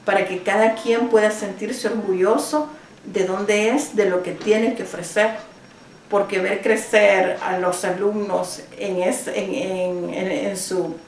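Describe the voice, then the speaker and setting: A woman's voice: medium pitch, fairly even intonation, slow, slight background noise. A woman from El Salvador, a teacher, answering interview questions at home, earnest and thoughtful with small restarts. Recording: roomy, mic at a distance.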